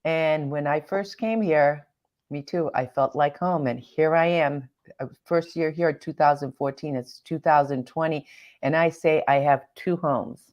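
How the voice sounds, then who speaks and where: A woman's voice: deep voice, unhurried, a little mellow, lo-fi sound. A woman from Hungary co-hosting a live Q&A, chatting casually and repeating phrases for emphasis. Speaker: co-host of a live Q&A. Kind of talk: casual live-stream chat.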